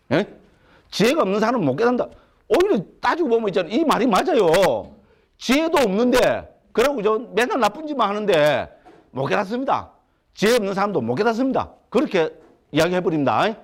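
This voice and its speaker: In a lecture hall at a Buddhist education center, a monk from Gyeongsang, South Korea teaches doctrine to a class in a high, energetic male voice. He's funny and down-to-earth, constantly posing rhetorical questions.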